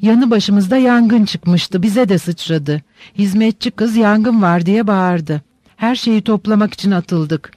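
Guy doing a sobbing mom begging for help, fast and frantic, high-ish voice, dry close sound. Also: darkish tone, dry recording. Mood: sobbing pleading. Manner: sobbing, rapid pleading speech. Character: distraught older mother, sobbing and pleading.

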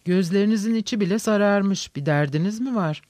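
A man voicing a sickly, sneering former servant who talks with quiet scorn. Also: sits high, fairly quick, dry recording, lightly acted. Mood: scornful.

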